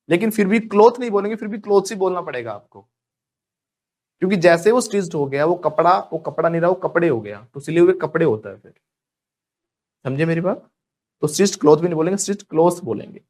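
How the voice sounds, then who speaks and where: A man teaching spoken English to a live class. He drills students with call-and-response prompts and slows right down on the model English phrases. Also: a little high.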